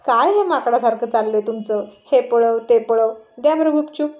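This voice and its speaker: Woman reading as a shy sulky wife, pleading, kinda high mellow voice. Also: normal speed, highs cut off, natural voice. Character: shy, easily upset young wife.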